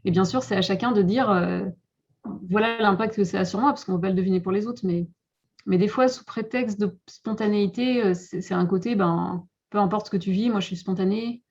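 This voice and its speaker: Answering questions as a guest speaker in a webinar over a video call, a woman sounds thoughtful and hesitant, frequently restarting her sentences. Her medium-pitched, slightly mellow voice moves fairly quickly, and the call audio is dull and lo-fi.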